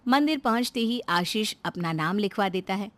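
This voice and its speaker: A woman narrating a cartoon moral story in a scripted, expressive storytelling manner. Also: medium pitch, moderate pace, dry recording.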